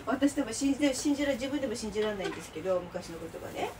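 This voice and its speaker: A woman's voice: a little high, expressive, racing. A middle-aged woman chatting away while she cooks lunch boxes in her home kitchen, rambling, exclaiming and laughing as she works. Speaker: vlogger cooking lunch boxes. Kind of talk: casual chat while cooking. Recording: distant mic, clear kitchen noise.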